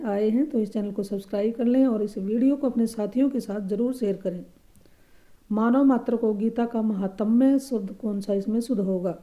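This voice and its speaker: A woman teaching a grammar lesson for exam preparation, patiently explaining answers and repeating each correct word slowly and softly. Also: on the high side.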